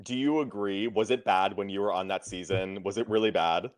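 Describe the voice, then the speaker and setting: A man's voice: on the low side, fairly quick, dry recording, clean studio sound. A man co-hosting a casual podcast recap, steering the talk and asking the guest questions. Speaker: podcast co-host.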